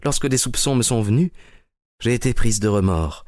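Man voicing a self-assured young woman, poised, lively pitch, dry sound. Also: normal speed, dry recording, lightly acted. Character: clever young woman writing a letter. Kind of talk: audiobook reading.

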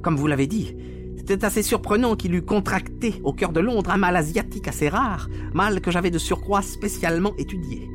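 A man's voice: sits high, expressive, brisk, music in the background, pitched above the performer's own voice. A man voicing a gloating, sneering villain who mocks a dying rival in a radio play. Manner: sneering, mocking, taunting. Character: gloating sinister male poisoner villain.

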